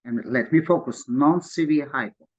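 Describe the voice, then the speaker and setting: A man from Georgia, an endocrinologist, giving a conference presentation over a video call in halting non-native English with many fillers. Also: medium pitch, breathy edge, rough recording. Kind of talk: webinar presentation.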